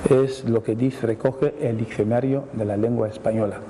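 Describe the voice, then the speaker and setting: A man explains word usage on a TV program in a measured, patient way. He reads definitions, restates them, and gives everyday examples. His voice is dark and mellow, and it sounds a little reverberant with faint hiss behind it. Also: medium pitch, fairly even intonation. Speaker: language academic answering viewer questions. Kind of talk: explanatory TV segment.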